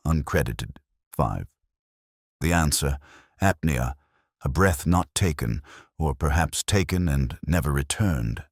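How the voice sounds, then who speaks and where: A man playing a brooding, literate police inspector, narrating a detective drama in a measured, wry, reflective way. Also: rumbling low, breathy edge, no room sound, studio quality, exaggerated voice. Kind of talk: scripted first-person detective drama narration.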